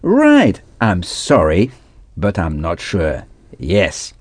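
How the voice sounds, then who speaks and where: A man's voice: sits low, wildly swooping pitch, extremely slow, no room sound. A man teaching a recorded language lesson, patiently repeating words and spelling them out letter by letter.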